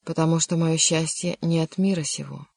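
Reader doing a gloomy lovestruck young noble, devoted, mellow dark voice. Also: medium pitch, steady tone, normal speed, vocal fry, no echo, clean studio sound. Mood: melancholy. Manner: earnest, bitter, devoted. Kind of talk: audiobook character reading.

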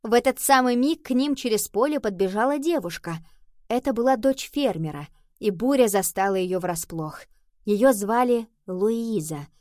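A woman voicing an eager schoolgirl giving a story to her class in a children's audiobook, lively and keen. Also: a little high, moderate pace, no echo, clean studio sound, voice pushed up, close to an everyday voice. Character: eager schoolgirl telling a tale.

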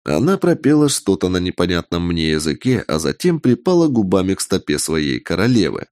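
A man's voice: deep voice, big pitch swings, a little fast, a little mellow, no echo, clean studio sound. A man narrating a first-person audiobook story, with ironic asides.

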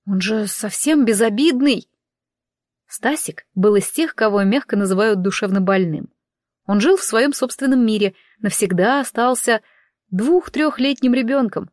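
A woman narrating a first-person audiobook in an expressive, conversational way. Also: mid-range voice, no room sound, clean studio sound.

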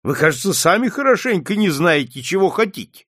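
A man's voice: sits high, big pitch swings, fairly quick, dry recording, voice pushed up, heavily acted. A man voicing a composed, stern detective who speaks dryly and firmly, in an audiobook reading. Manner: dry, firm, sometimes gentle.

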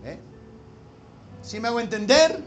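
A man preaching a sermon as pastor, animated, with loud emphatic peaks and questions put to the congregation. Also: very high voice, unhurried, slight background noise.

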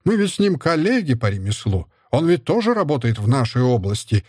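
A man's voice: mid-range voice, sing-song, a little fast, darkish tone, slightly rough, no room sound, studio quality. A man reading an audiobook and voicing a middle-aged scholar husband who speaks in bitter, contemptuous outbursts. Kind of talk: audiobook character voice.

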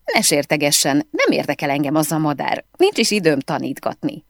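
A woman's voice: low-pitched, wildly swooping pitch, no echo, clean studio sound, heavily acted. A woman reading the part of a teasing, defensive middle-aged housekeeper whose first language is Spanish. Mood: evasive.

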